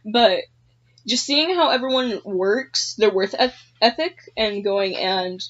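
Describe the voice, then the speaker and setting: A woman's voice: mid-range voice, takes it slowly, a crowd in the background. A woman co-hosting a casual gaming podcast, candid and swearing casually. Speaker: podcast co-host. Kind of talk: casual chat. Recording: dull lo-fi podcast audio.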